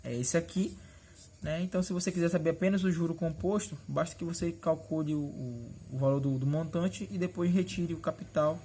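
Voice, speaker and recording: Male math teacher, slightly high voice, patient step-by-step explainer, light background hiss. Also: fairly quick, warm tone. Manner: explains step by step, pointing at the board, many tag questions. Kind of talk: recorded math lesson.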